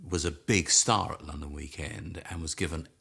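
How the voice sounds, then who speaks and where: A man's voice: a bass voice, fairly even intonation, moderate pace, gravelly, background noise. A man interviewed for a documentary, emphatic, with many fillers. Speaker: commentator.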